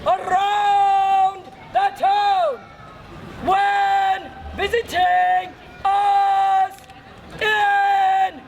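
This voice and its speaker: A man crying out a town crier's proclamation in loud, drawn-out bursts of a few words. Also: extremely high pitch, completely flat delivery, creaky. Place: outdoors in a town. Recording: noisy outdoor recording with crowd.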